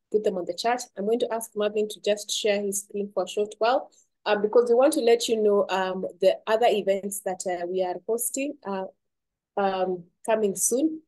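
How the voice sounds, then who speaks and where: A woman hosts an online webinar, her voice warm and mellow. She speaks steadily but leans on ums and repeats her words as she goes. The sound comes through a computer mic on a video call. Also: medium pitch, low-quality recording. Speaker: webinar host.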